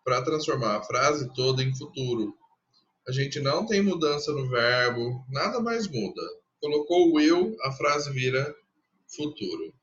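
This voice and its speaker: Bright-voiced Brazilian teacher explaining patiently. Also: male voice, medium pitch, animated, lo-fi sound. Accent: Brazilian Portuguese. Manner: patient, explains step by step, repeats example sentences slowly. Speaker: English teacher. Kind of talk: recorded classroom lesson.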